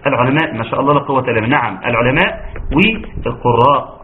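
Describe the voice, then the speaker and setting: A man with an Egyptian accent teaching Quran recitation in an online class, breaking into chanted examples between quick explanations. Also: medium pitch, expressive, a little hiss or hum. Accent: Egyptian Arabic. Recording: tinny phone-like online audio.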